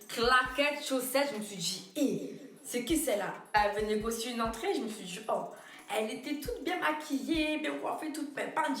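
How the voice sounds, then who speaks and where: A young woman vlogger telling a story in a chatty, slangy way, bursting into loud, indignant quotes. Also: medium pitch, roomy sound. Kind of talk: casual storytime to camera.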